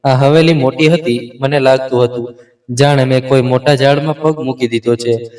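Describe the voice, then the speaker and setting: Man, scripted story narration, steady and earnest, roomy echo, distant mic. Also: mid-range voice, moderate pace.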